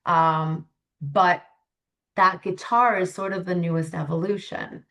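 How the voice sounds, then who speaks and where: A woman's voice: lowish voice, steady tone, a little slow, fairly bright tone. A woman from Canada, a life coach, speaking as a guest on an interview podcast in an earnest, reflective way with frequent fillers. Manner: reflective, earnest, many "you know" fillers.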